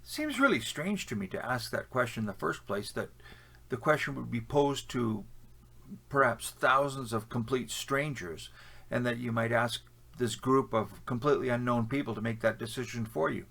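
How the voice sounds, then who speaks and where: Speaking at a normal pace, this man has a medium-pitched voice that's animated, creaky, and fairly bright, with a Canadian accent. He's a language-learning vlogger chatting to the camera, sharing strong opinions and advice with frequent fillers and false starts.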